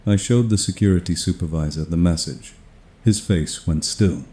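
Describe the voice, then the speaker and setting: A man telling a first-person horror story in a steady, grim, measured way. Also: low voice. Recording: echoey room.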